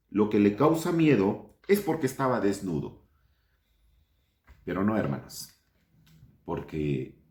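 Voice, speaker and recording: A man's voice: medium pitch, a little mellow, roomy sound. A man preaching an online Sunday sermon as pastor, putting questions to his congregation and calling them brothers.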